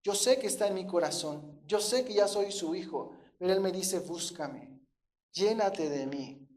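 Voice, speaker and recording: A man with a high, slightly mellow voice preaches a sermon at a moderate pace, asking the congregation questions and answering them himself. He often tags on a checking "¿verdad?" and illustrates points with everyday examples in a conversational teaching tone.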